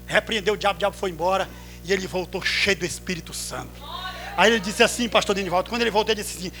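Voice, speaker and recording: A Brazilian man preaching a sermon at a church service, swinging from hushed storytelling to drawn-out shouts. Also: sits high, faint music behind. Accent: Brazilian Portuguese.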